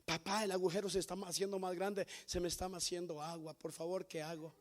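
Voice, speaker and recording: Brief: a desperate young son pleading for help, as a preacher puts him on, high-pitched. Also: male voice, level tone, fairly quick, natural voice. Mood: worried. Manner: pleading, anxious. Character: desperate young male mine owner's son.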